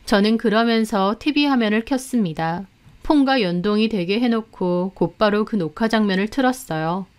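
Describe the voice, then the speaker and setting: A woman narrating a dramatic first-person story in a measured way. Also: medium pitch, a little mellow, clean tone.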